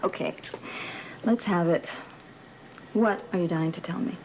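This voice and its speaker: A woman's voice: fairly low pitch, a little slow, darkish tone, a little hiss or hum. An actress playing a proud, defensive, guarded young woman in a television soap opera. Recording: dull old TV soundtrack, music underneath.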